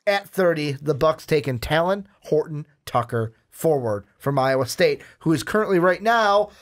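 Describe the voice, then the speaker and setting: Brief: young male co-host, higher-pitched, goofy, self-mocking. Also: animated, normal speed. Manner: playful, goofy, laughs at himself. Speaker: podcast co-host. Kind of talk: casual sports podcast chat.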